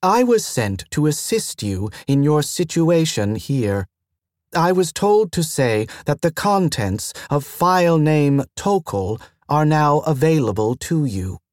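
Brief: man reading a steady, polite woman pilot; smooth, measured, unhurried, dry studio sound. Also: on the high side, no echo. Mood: courteous. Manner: smooth, firmly courteous. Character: calm, courteous woman starship pilot. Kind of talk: audiobook character voice.

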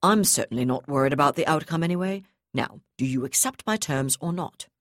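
A woman's voice: low-pitched, no room sound, studio quality. A woman voicing a cold, ruthless male commander. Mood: calm, confident. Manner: calm, contemptuous, measured.

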